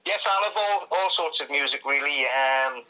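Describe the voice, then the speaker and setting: Man, sixties or older, Northumberland accent; radio phone-in guest, very sharp bright tone, dull narrow phone sound. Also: a little high, normal speed. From Northumberland, England. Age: 60s or older. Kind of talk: radio interview answers. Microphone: telephone. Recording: tinny, band-limited phone line.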